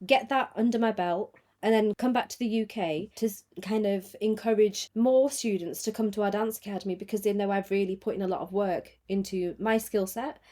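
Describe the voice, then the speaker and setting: A woman in her thirties from England, telling her story in a relaxed podcast chat, full of fillers and asides. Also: medium pitch. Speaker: podcast guest, choreographer in film industry. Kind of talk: casual chat.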